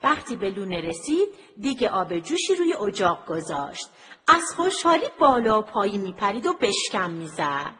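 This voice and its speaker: Lively woman telling a children's story. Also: mid-range voice, a little hiss or hum. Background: music.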